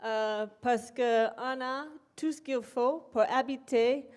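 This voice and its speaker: Pausing often and leaning on fillers, a native English-speaking woman invited to present in a lecture hall moves slowly through her academic talk. Her voice sits on the higher side and sounds a little mellow.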